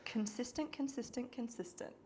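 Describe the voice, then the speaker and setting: A woman's voice: fairly high pitch, moderate pace, mellow, a little hiss or hum. A woman co-hosting a fitness podcast in a casual chat, laughing easily and prompting her partner with questions. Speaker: podcast co-host, fitness trainer.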